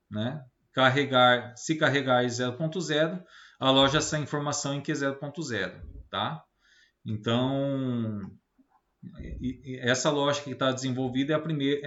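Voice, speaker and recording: In a slightly muffled, roomy lo-fi recording, a Brazilian man with a medium pitch and fairly bright tone gives an informal technical lecture. He explains like a teacher, didactically, and often uses short tag questions to check that listeners understand and agree.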